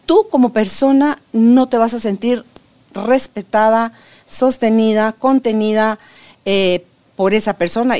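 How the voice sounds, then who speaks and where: In a casual interview, an older woman tells stories to her granddaughter while offering relationship advice, emphatic and animated in her delivery. Her voice is mid-range and smooth.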